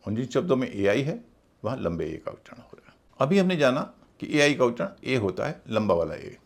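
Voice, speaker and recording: A man teaching English pronunciation in a video lesson, speaking slowly and deliberately and spelling words out letter by letter. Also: mid-range voice, big pitch swings.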